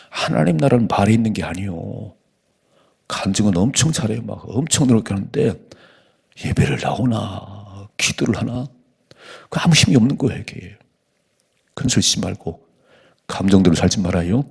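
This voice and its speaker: A middle-aged male pastor preaching an early-morning prayer sermon in a church. He exhorts his listeners and acts out bits of dialogue in lively bursts. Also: on the low side, vocal fry, husky. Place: church sanctuary.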